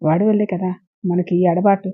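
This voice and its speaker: A woman's voice: on the low side, fairly even intonation, moderate pace, slightly rough, dry recording. A woman voicing a pushy, self-pitying young man who pleads insistently, in a dull lo-fi recording. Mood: pleading.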